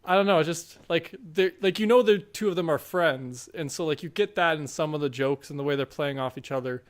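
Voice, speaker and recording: A man's voice: fairly high pitch, fairly quick. A man co-hosting a podcast in casual chat, easygoing, laughing often and rambling with fillers. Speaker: podcast co-host.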